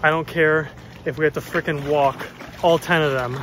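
Out in a yard and on runs with his dogs, the man keeps up his upbeat, chatty vlog narration. His voice is fairly high, fairly bright and fairly even, at normal speed, with a bit of background noise.

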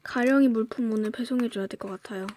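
A woman's voice: on the high side, fast talker, slight background noise. A young woman chatting casually through an unboxing review, gushing and gasping, sometimes dropping to a whisper. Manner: excitable, gushing, often gasps and drops to a whisper. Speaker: fan vlogger reviewing merchandise.

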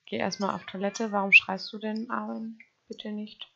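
A woman's voice: medium pitch, level tone, normal speed, creaky, pushed and bright, lo-fi sound. A woman giving casual let's play commentary, chatting to her game characters and to her viewers.

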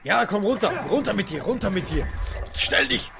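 A man's voice: high voice, sing-song, moderate pace, creaky, over music. Jumpy swearing gamer man. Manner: jumpy, swearing, shouting at enemies. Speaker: let's play gamer. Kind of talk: live horror game commentary.

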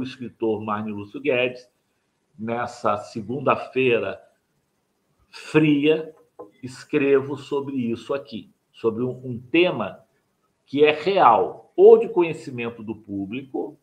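An older man teaching writing in a live online mini-lesson, explaining his points step by step and repeating them, recorded through a webcam in a home study. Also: medium pitch. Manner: didactic, repeats key points, asks viewers to like and subscribe.

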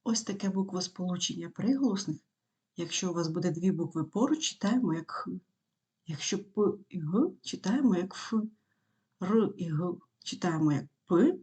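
A woman teaching pronunciation rules, explaining each rule and reading example words one by one in a clear, careful way. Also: lowish voice, lively intonation, warm tone. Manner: reads word lists slowly and clearly, one word at a time.

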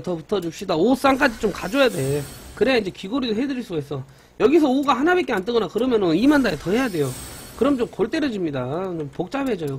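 A man's voice: high voice, a little hiss or hum. A young man streaming a mobile game live, cheering on his upgrades and bantering playfully with chat viewers. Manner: excited, banters with viewers, mock-cursing.

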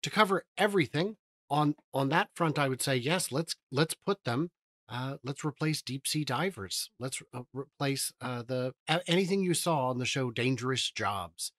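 A man's voice: medium pitch, moderate pace, a bit bright, dry recording, clean studio sound. A man in his thirties, a guest on a video-call interview, speaking eagerly and upbeat into a headset. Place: indoor room.

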